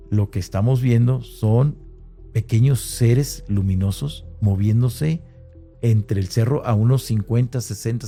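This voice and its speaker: Man, Mexican Spanish accent, mellow mid-pitched voice, halting first-person storytelling with faint music behind. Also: gravelly. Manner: hesitant, with many restarts and fillers, slowing at tense moments. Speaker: interviewee recounting an encounter. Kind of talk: conversational first-person account.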